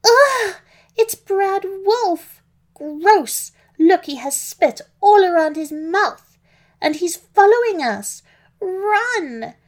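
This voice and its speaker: A woman's voice: very high-pitched, sing-song, very slow, voice pushed up, heavily acted. A woman voicing a bossy little girl pig who shrieks and squeals. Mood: disgusted.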